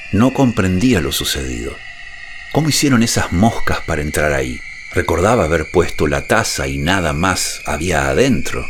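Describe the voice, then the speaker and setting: A man narrating a scripted suspense horror story in a measured, dramatic way, speaking intimately close to the ear. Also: low voice, background noise. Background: music behind the voice.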